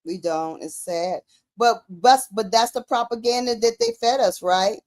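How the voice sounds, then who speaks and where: A woman with a slightly high voice gives casual conversational commentary at an unhurried pace. She talks emphatically, using slang and repeating phrases to hammer her points home.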